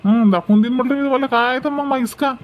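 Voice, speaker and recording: A man's voice: very high-pitched, racing. A man voicing a cheeky young male student troublemaker with a Varhadi Marathi accent, brash and argumentative. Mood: defiant. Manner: defiant, whining when caught.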